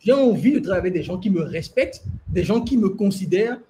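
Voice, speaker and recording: High-pitched guy telling stories all fired up, lots of restarts. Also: slight background noise. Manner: animated, fast storytelling with many restarts. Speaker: host. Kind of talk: enthusiastic discussion.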